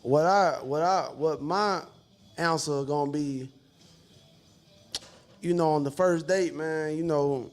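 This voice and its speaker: A man's voice: a little high, takes it slowly, pauses often, faint music behind. A man, chatting casually and laid-back with plenty of slang and swearing. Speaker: podcast panelist. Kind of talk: casual chat.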